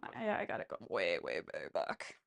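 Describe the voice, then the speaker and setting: Filming herself while cleaning, a woman vlogs casually and thinks aloud in a rambling way. Her bass voice swoops wildly in pitch, has a gravelly vocal fry, and moves a little fast.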